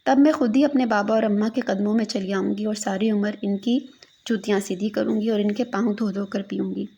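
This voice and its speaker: A woman's voice: mid-range voice, fairly even intonation, creaky, warm tone, husky, lo-fi sound. A woman voicing a distraught young woman who insists on her vow to stay at a shrine, in a fervent, repeating manner.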